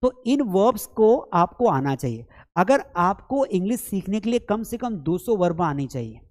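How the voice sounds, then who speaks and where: A spoken English teacher, Hindi-speaking with an Indian accent, talks in a high, sing-song voice with a darkish tone at normal speed. An hour into his live online lesson, his voice is strained, yet he keeps lecturing playfully, chatting, teasing, and calling the students "beta."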